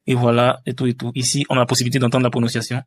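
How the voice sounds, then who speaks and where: A man's voice: mid-range voice, completely flat delivery, rapid-fire. A man teaching a language lesson over a screen-share tutorial, hesitant, with many fillers and restarts.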